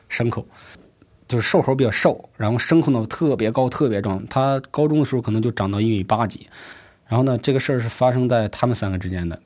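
Man, lowish voice, first-person storyteller, unhurried, conversational, halting restarts. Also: darkish tone. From rural Hebei, China.

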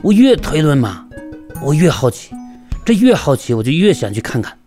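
A man from Yunnan, a local merchant, telling his own story in a lively, chatty way and acting out the dialogue. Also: fairly high pitch, moderate pace, faint music behind. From Yunnan, China. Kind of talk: storytelling interview.

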